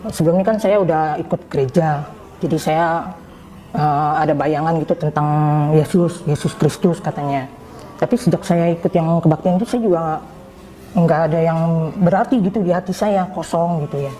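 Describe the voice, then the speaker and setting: A woman recounting her personal conversion testimony in a hesitant, halting way, with many fillers. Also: deep voice, mellow, poor audio.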